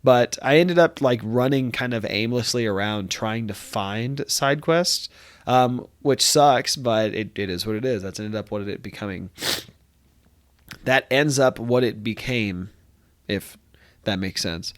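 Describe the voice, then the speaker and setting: A man's voice: mid-range voice, measured pace, no echo. A young man with a congested nose, chatting casually about a video game he played, rambling with lots of fillers and restarts. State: congested from allergies. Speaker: gaming video host. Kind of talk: casual talk to camera. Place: friend's apartment room.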